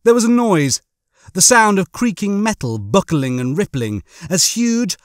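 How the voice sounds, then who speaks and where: A male audiobook narrator reads comic science fiction in a theatrical, suspenseful style, his high voice sing-song and measured. The studio-quality recording has no echo.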